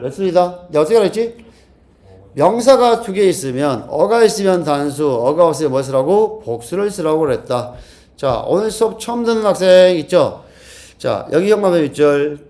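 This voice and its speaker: A man's voice: fairly high pitch, mellow. Guy teaching test-prep english, bouncy up and down voice, keeps repeating stuff back at the class. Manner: drilling, repeats key phrases, asks rhetorical questions. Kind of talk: lecture.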